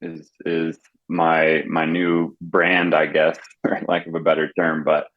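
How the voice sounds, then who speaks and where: Guest, thirties, male, very low voice, relaxed filler-heavy chat, muffled dry audio. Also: slow, dry recording. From Southwest United States. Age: 30s. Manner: easygoing, with fillers. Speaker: podcast guest. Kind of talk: casual interview chat.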